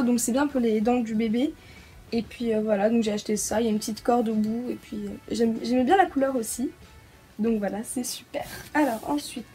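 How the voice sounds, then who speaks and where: A woman's voice: a little high, darkish tone, a little hiss or hum. Hesitant, giggly woman unboxing a haul. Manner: hesitant, many fillers, giggly. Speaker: pet vlogger.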